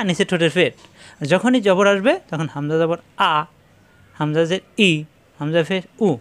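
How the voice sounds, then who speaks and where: A man teaching letter pronunciation, repeating syllables slowly and instructively, with a Bangladeshi Bengali accent. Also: a little high. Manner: repetitive, instructive, drawn-out syllables. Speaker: Quran reading teacher. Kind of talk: slow drilled pronunciation lesson.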